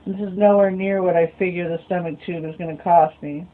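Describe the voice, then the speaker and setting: A woman's voice: lowish voice, fairly even intonation, brisk. A woman reading a novel aloud as a storyteller, muttering short asides to herself between passages. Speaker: reader. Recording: phone-like lo-fi recording.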